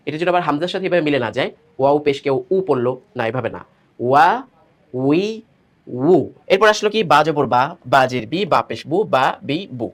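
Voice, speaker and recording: Male teacher, slightly higher voice, patient syllable drills, explains tongue placement. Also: expressive, a little fast, fairly bright tone. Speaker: Quran recitation teacher. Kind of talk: step-by-step pronunciation lesson.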